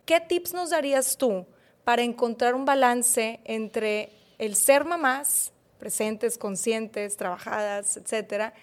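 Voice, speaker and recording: A woman's voice: fairly high pitch, takes it slowly. A young woman hosting a podcast, listening with short affirmations and asking open questions in a conversational interview. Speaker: podcast host.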